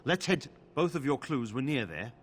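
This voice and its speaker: An actor playing a solemn, devout male companion in a fantasy game, speaking gravely and formally. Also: medium pitch, big pitch swings, normal speed.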